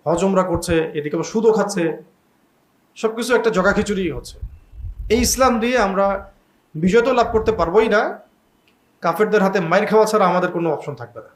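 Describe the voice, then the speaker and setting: A man giving an emphatic religious lecture, stacking his points in long repeated lists and quoting Arabic verses. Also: high-pitched. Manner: quotes Arabic verses in recitation. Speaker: Islamic preacher.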